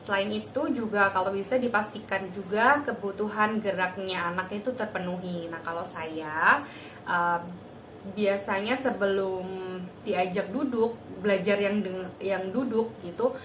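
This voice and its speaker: A young woman talks in a relaxed, chatty manner, full of small fillers, as she hosts a parenting channel. Her voice sits at a middle pitch. The recording has a noticeable room echo and a faint background hum. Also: a little slow. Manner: chatty, many fillers, breaks into high sing-song child-directed demos. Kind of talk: casual tutorial talk. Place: home room.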